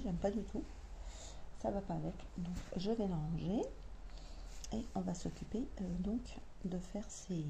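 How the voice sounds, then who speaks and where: A woman's voice: medium pitch, warm tone, slight background noise. A woman with a French accent chatting casually to camera about her sewing, thinking aloud with many hesitations. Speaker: sewing vlogger.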